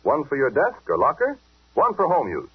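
A man's voice: a little high, huge pitch swings, moderate pace, noisy background. A man announcing a commercial in the chummy, persuasive patter of an old 1940s radio broadcast. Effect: old 1940s radio broadcast sound. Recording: tinny, phone-narrow 1940s radio recording.

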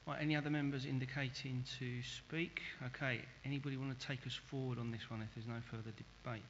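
A middle-aged Englishman, chairing a formal meeting in a brisk, businesslike manner. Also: medium pitch, level tone, fairly bright tone. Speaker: committee chair. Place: large council chamber. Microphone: desk microphone. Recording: dull, reverberant hall audio with faint hiss.

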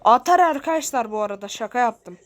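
Excitable woman yelling over a game. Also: fairly high pitch, fast talker. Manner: shouting, exasperated, swearing at the game. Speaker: gaming video host. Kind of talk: excited live game commentary. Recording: loud background noise and clicks.

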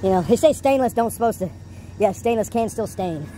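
A man's voice: sits high, expressive, fairly quick, mellow, rough recording. A man in his forties, a truck driver vlogging casually, chatting to himself while he checks over his rig, first outdoors at a truck yard, then inside his cab. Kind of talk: casual vlog commentary. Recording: outdoor vehicle noise behind.

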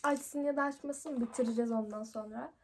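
A woman's voice: on the high side, fairly even intonation, a little fast, a little hiss or hum. A young woman hosting a video and chatting casually to viewers. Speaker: prank video host. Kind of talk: casual vlog chat.

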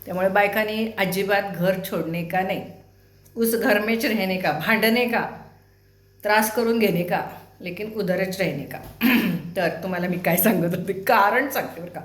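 A woman's voice: medium pitch, moderate pace. A woman in her sixties with a Marathi accent, a host telling home stories to viewers in a chatty, humorous way full of rhetorical questions. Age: 60s. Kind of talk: casual talk to viewers. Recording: echoey room.

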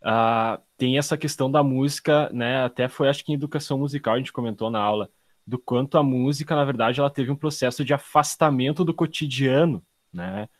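A man's voice: mid-range voice, brisk, no room sound, studio quality. Hesitant man on a video call. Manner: thoughtful, many fillers and restarts. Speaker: study group participant. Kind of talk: casual video call discussion.

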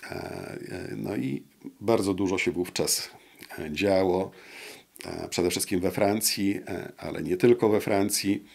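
A man in his sixties with a deep, gravelly voice gives a long, careful account as an interview guest. He hesitates a lot, filling gaps with drawn-out sounds. The sound is close and clean from a lapel mic in a studio room. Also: a little mellow. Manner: hesitant, many drawn-out "e" fillers. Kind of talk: measured historical explanation. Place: wood-panelled studio room with brick wall.

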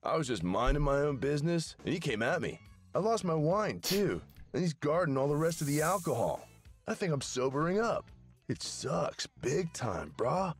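An actor voicing a drunk, laid-back young partygoer in a video game, drawling and calling everyone bro. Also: male voice, fairly high pitch, sing-song, moderate pace, breathy edge, faint music behind. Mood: drunken.

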